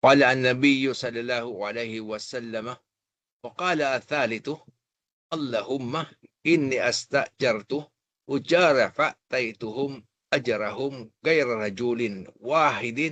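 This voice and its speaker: A man's voice: medium pitch, fast talker, fairly bright tone, no room sound. A man reading religious texts aloud in a class.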